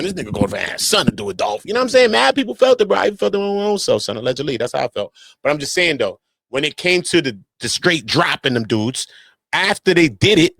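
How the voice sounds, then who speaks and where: Here an American man's voice is a little high and a bit bright, with vocal fry, captured in a dry recording. He discusses criminal cases in casual street slang, reading documents aloud now and then, and his delivery is emphatic and full of repeated verbal tags.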